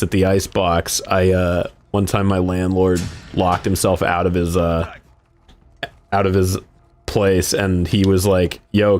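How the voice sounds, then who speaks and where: A man's voice: sits low, a little hiss or hum. A man hosting a casual game stream, telling rambling stories full of fillers and swearing. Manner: rambling storyteller, heavy on "like" and swearing. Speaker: streamer host. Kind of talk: casual gaming stream chat.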